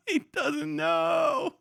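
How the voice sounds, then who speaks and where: Recorded with studio quality and no room sound, this man's voice is very high-pitched and creaky. He's chatting casually on a livestream, cursing nonstop, excitable, and laughing often.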